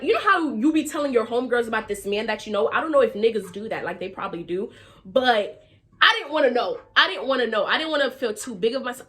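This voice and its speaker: A young woman telling a casual storytime, acting out quotes with big jumps in her voice. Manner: animated, acts out quotes with big pitch jumps and laughter. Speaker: vlogger.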